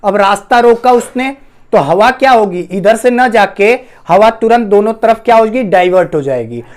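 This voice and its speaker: This Hindi grammar teacher has a high, expressive voice and speaks at a normal speed. Working on a whiteboard in classroom style, he poses questions to the class, repeats each key term, and addresses the students as "bhaiya."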